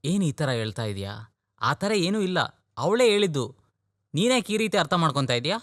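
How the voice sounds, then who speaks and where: A man's voice: medium pitch, a little fast, dry recording, clean studio sound, lightly acted. A man voicing a worried, caring older brother in a dubbed film, speaking earnestly and coaxing. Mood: insistent. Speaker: film character in a dub.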